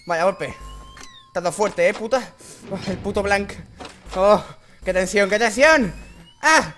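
A man with a Spanish accent from Spain, a high and reedy voice, commentating a horror game while swearing constantly and breaking into frightened screams. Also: a little slow, a bit bright, soft background music. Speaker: gameplay commentator.

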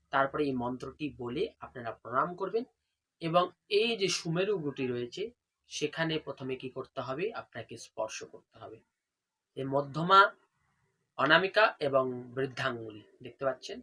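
A man teaches a devotional practice step by step, in a voice that is bright and somewhat breathy and sits a little high for a man. He keeps asking his listeners what to do next and then answering, and he slows right down to chant the mantras. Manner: asks rhetorical questions then answers them. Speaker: religious instructor. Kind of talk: devotional how-to demonstration.

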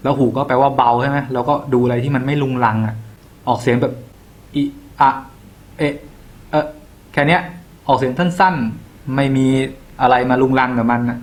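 A man's voice: medium pitch, fairly even intonation, fairly quick. A young man tutoring for an exam in a casual, slangy way, talking to students like an older brother. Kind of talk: casual exam-prep lesson.

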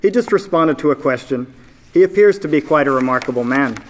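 A man's voice: fairly high pitch, animated, brisk, a little hiss or hum, lightly acted. A man reading aloud, voicing an earnest young male adventurer who pleads and protests.

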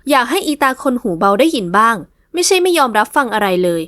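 A woman narrating a romance novel in a scripted, expressive reading. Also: a little high, fast talker, no room sound, studio quality. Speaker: audiobook narrator.

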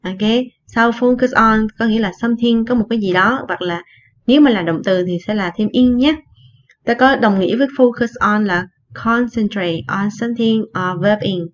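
Woman teacher explaining vocabulary, lo-fi. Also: fairly high pitch. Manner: explains in Vietnamese, repeats English phrases slowly. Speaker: English teacher. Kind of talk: recorded online lesson explaining vocabulary.

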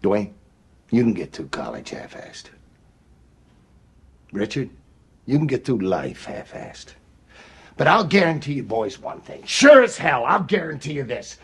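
An actor playing an exasperated middle-aged college basketball coach, giving a profane locker-room pep speech that swings from weary muttering to furious shouting. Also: male voice, mid-range voice, big pitch swings, a little slow, pauses often. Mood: disgusted, weary. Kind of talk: halftime-style locker room pep speech, film acting.

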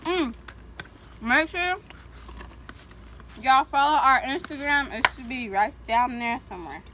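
A woman hosting a casual food challenge vlog, excitable and giggly, talking straight to her viewers. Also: sits high, a little slow. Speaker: host. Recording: noisy home recording.

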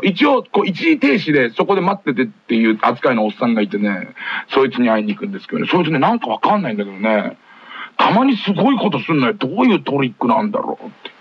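A man hosts a late-night radio show, spinning rambling comic stories in a quick, husky, fairly high voice. His pitch jumps around constantly as he talks. The sound is dull and lo-fi, as if taped off the air. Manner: rambling comic storytelling with frequent laughs. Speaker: radio host. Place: radio studio.

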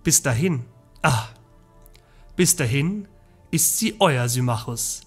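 A man's voice: mid-range voice, animated, slow, husky, faint music behind, full character voice. A man doing a mocking cunning elf thief.

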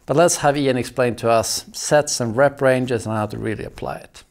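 A young man hosting, asking relaxed questions in an indoor gym. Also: mid-range voice, normal speed, creaky, slight background noise. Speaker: host. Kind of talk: casual interview questions.

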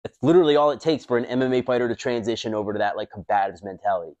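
A man in his thirties hosting a self-defense channel, talking casually and bluntly to camera with lots of fillers and swearing, recorded on a lapel mic in a high-rise room. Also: fairly even intonation, very fast, a little mellow, lo-fi sound.

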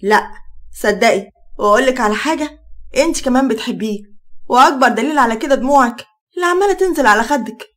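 A caring middle-aged mother in an animated storybook, soothing and coaxing, with an Egyptian accent, as a woman puts her on. Her voice runs high and brisk.

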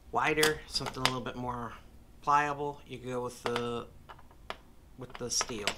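A motorcycle vlogger with a medium-pitched voice records a casual unboxing vlog in his home office, with noise in the background. He rambles chattily and keeps correcting himself.

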